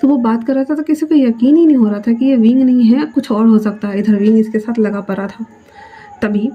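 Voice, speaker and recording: Breathy woman telling a story. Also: on the high side. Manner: chatty, conversational. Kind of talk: casual story narration. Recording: dull lo-fi sound.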